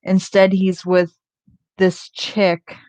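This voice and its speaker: A woman's voice: lowish voice, monotone, extremely slow, darkish tone, dry recording. A young woman in casual, rambling chat, full of ums and restarts, with the odd curse thrown in. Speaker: vlogger.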